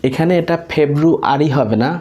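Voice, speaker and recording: A man with a Bangladeshi accent teaching English pronunciation, repeating each word slowly and deliberately. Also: fairly high pitch, darkish tone. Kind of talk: slow pronunciation lesson.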